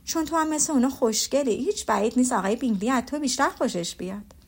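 A woman's voice: sits high, expressive, breathy edge, full character voice. A woman voicing an unbothered older husband who answers in a dry, teasing way.

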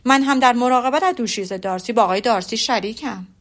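Courteous gentleman officer, frank and measured, read by a woman in her own fairly high voice. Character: polite gentlemanly younger-son army officer.

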